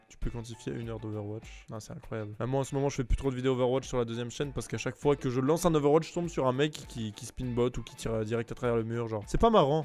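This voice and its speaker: A man, commenting casually on game clips, trailing into quiet asides and bursting into loud shouts. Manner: chatty, mumbles low asides, bursts into shouts. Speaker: gaming streamer reacting to clips.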